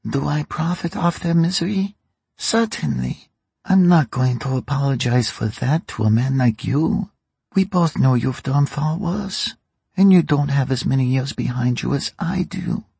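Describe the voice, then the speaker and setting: A dry, raspy old crime matriarch, as a male reader puts her on, sly and mocking as she bargains. Her voice is husky and gravelly, raised well above the reader's own, and slow and drawn out. It is recorded close and dry. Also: mid-range voice, mellow, no room sound, pitched above the performer's own voice, exaggerated voice. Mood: defiant. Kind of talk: audiobook character reading.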